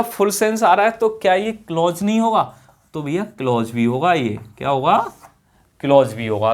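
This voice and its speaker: A man teaching an English grammar lesson to students, asking questions and answering them himself, often repeating key points and stretching words out as he writes. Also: high-pitched. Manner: repeats key points, drawn-out words while writing on the board. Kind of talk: classroom-style grammar lesson.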